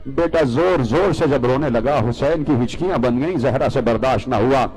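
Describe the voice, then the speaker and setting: A cleric from Pakistan leads a mourning sermon at a mid-range pitch. His preaching is rhythmic and impassioned, and he repeats key phrases to drive them home. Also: a little mellow, rough recording. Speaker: Shia cleric.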